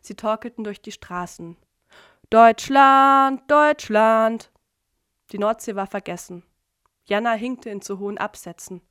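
A woman giving a literary reading of prose in a steady, measured way. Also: medium pitch, dry recording, studio quality. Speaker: reader.

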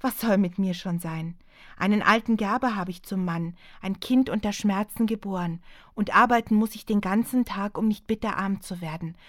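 A woman reading as an embittered young mother from a historical audiobook, bitter and sharp-tongued. Her words come hard and raised, close and dry with no room around them. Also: mid-range voice, normal speed, no echo, natural voice.

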